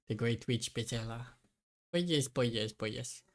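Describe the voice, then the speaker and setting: This game streamer, whose sex is unclear, has a rough, strained, medium-pitched voice and an unhurried pace. They chat casually and excitably while playing, giggling and repeating little phrases, with music playing behind them.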